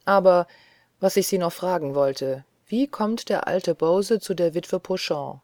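A woman's voice: fairly low pitch, measured pace, a little mellow, no echo. A woman voicing a brash young male agent in an audiobook, exclaiming and indignant. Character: cheeky young male agent, irritable, outspoken.

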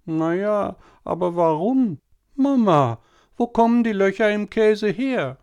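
Brief: man doing a high, whiny little boy who keeps pestering with questions, storybook reading. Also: animated, takes it slowly, a little mellow, clean tone, highs cut off, heavily acted. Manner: whining, insistent questioning. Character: small boy, whiny, stubbornly curious.

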